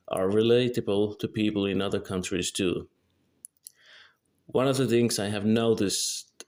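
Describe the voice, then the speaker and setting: A video creator from Finland, early twenties, reads his script carefully in a lowish, darkish voice. Finnish is his first language, his accent is Finnish, and he corrects little slips along the way.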